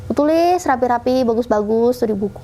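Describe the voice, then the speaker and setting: Animated woman telling a personal story. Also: fairly high pitch, quick pace, slight background noise. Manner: animated, acts out family members' lines in quotes; talks while coughing. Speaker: interview guest. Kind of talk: casual storytelling.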